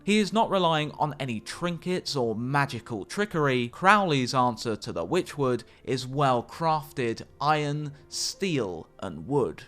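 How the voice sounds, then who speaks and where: A man reading scripted game lore narration with measured, dramatic storyteller phrasing. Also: mid-range voice, fairly bright tone. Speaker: video narrator. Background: background music.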